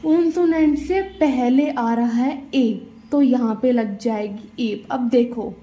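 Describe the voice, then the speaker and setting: A woman's voice: fairly high pitch, slow pace, warm tone. A woman teaching shorthand vowels, patiently explaining each rule and checking in often. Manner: patient, repeats "theek hai" and "dekho" often. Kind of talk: explaining steno vowels step by step. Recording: dull lo-fi, roomy echo.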